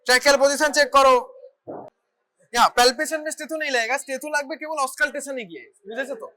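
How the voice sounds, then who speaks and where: A clinical teacher giving a hands-on bedside demonstration, briskly instructing students step by step as they practise an examination. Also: sits high, steady tone, pushed and bright. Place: hospital teaching ward.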